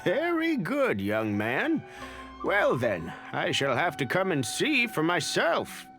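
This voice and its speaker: A dignified elderly gentleman in a video game. He speaks in a formal, measured way, his pitch swinging widely. Faint music plays behind him. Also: huge pitch swings, exaggerated voice. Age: older.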